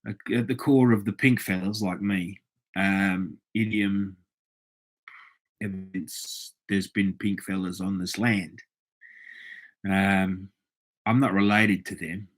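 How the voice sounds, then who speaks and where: Australian man, lowish pitch, casual opinion monologue, rambling, plain-spoken. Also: steady tone, slow, pauses often. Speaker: vlog host.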